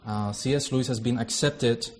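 Speaking at a moderate pace with fairly even intonation, a man with a mid-range voice comes through a little hiss or hum. He is a theology lecturer from the Czech Republic with a Czech accent, informally opening a workshop that includes a prayer. His hesitant, self-deprecating delivery is packed with fillers.

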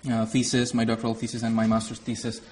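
Fast and monotone, a man with a low, slightly mellow voice talks over slight background noise. He is a Czech theology lecturer with a Czech accent opening a workshop with informal talk and a prayer. He comes across as hesitant and self-deprecating, with many fillers.

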